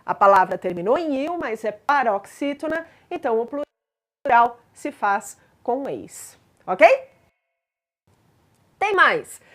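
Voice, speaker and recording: Woman teaching grammar, patient, slow delivery, lively pitch, asks listeners questions. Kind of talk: explanatory lesson.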